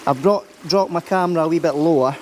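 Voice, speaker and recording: A man's voice: a little high, fast. A man with a Scottish accent giving a chatty, casual outdoor vlog commentary, explaining things as he goes. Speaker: YouTube vlogger and landscape photographer. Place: outdoors by a stream under a bridge.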